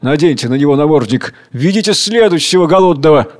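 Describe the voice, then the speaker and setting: A man's voice: a little high, expressive, fairly quick, in a large hall, natural voice. A man reading a stern imperious king-judge. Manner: cold, interrogating. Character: stern imperious male ruler judging the poor.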